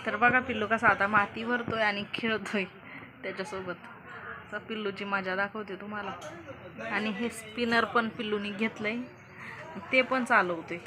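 A woman's voice: medium pitch, rough recording. A woman narrating a casual family vlog and coaxing answers from a small child. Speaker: vlogger.

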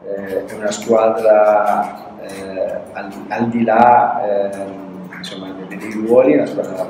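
At a post-match press conference in a press room with a sponsor backdrop, an older football coach answers questions haltingly, often restarting and letting words trail off. His voice is fairly low with fairly even intonation, picked up by a table mic on a stand set at a distance, so the room sounds echoey and noisy.

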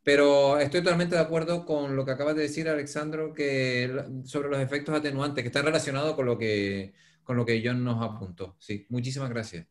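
A man's voice: medium pitch, steady tone, a little fast, few pauses. A man answering questions as presenter in an online academic discussion, agreeing emphatically and repeating phrases. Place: online video call.

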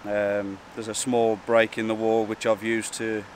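Man vlogging outdoors beside rushing water. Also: lowish voice, monotone. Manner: informal, hesitant and chatty. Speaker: wildlife photography vlogger. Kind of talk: casual vlog to camera. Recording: outdoor wind, rushing water and traffic noise.

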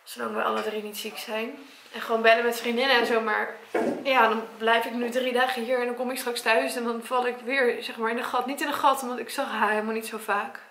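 Tearful, gravelly Dutch woman vlogging. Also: on the high side, little pitch movement, brisk, fairly bright tone, reverberant. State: tearful, congested from crying. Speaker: vlogger and primary school teacher. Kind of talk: personal vlog talk to camera. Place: at her parents' home, indoors. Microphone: camera mic.

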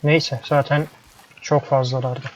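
A man's voice: medium pitch, flat delivery, slow pace. A young man playing a ranch game, chatting casually and grumbling at the animals as he plays. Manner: frustrated, grumbling, talks to the animals. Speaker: gameplay YouTuber. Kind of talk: casual let's-play commentary. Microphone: headset microphone. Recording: dull lo-fi headset mic with faint noise.

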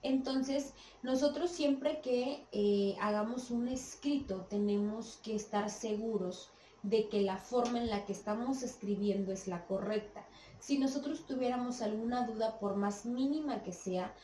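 A woman teacher with a Mexican Spanish accent explains a lesson at an unhurried pace, often stopping to ask whether her students follow. Her slightly high voice is picked up from some distance. The room around her is echoey, with a faint murmur of background sound. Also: warm tone, slight background noise. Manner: checks understanding with frequent "¿sí?" and "¿sale?". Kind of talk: classroom lesson.

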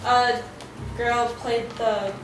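Young woman interpreting a sermon slow and flat, faint music, echoey far-off mic. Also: a little high, a little hiss or hum. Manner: hesitant, with fillers and restarts while interpreting. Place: living room set with framed pictures. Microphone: far camera.

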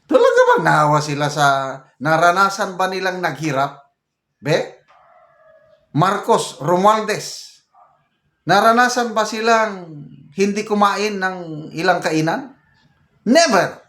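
Brief: older Filipino retired general, slightly high voice, slow, indignant commentary, echoey room. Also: male voice, very animated, fairly bright tone. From Philippines. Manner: reads comments aloud, chuckles, indignant. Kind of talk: casual political commentary. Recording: roomy echo.

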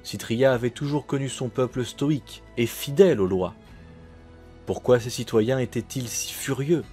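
A man reading an audiobook in a measured, dramatic narration. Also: mid-range voice, darkish tone, faint music behind. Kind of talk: scripted narration.

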